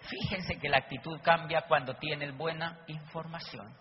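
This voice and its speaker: A man with a notably high voice delivers an emphatic motivational talk, driving points home by repeating them. The sound is dull and lo-fi. A faint hiss sits underneath. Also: steady tone, measured pace. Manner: emphatic, repeats key lines, addresses audience. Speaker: motivational business speaker. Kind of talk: motivational talk with acted anecdotes. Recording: dull lo-fi recording with faint noise.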